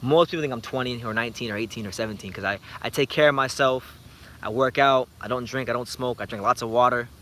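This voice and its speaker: Fast-talking young man, bright voice. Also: mid-range voice, slight background noise. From United States. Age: 20s. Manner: animated, rambling, frequent repeated starts. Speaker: YouTube boxing channel host. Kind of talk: late-night livestream chat reading viewer comments.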